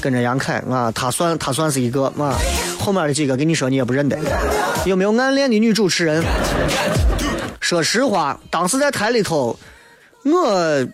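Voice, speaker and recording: A man's voice: a little high, big pitch swings, normal speed, loud music behind the voice. A man with a Shaanxi accent hosting a radio show in casual, colloquial chat, opinionated and emphatic as he reads out and answers listener messages.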